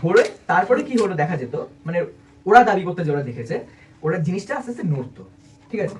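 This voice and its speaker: A man's voice: high voice, sing-song, a little fast. A young man giving a casual presentation to a small group of friends, chatty, asking them questions and joking as he explains. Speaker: student presenter. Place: indoor room with a small group. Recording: distant mic with light room noise.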